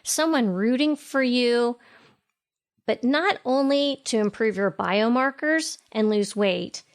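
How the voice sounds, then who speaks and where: A middle-aged woman hosting a podcast, introducing a guest and asking questions in a measured, deliberate way. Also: mid-range voice, gravelly. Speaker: podcast host. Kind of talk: scripted intro and interview questions.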